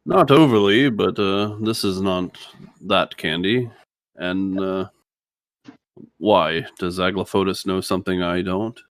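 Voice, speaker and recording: Low-voiced playful man role-playing. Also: slow, no echo, studio quality. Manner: playful, laughs often. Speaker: tabletop game player. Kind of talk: in-character role-play.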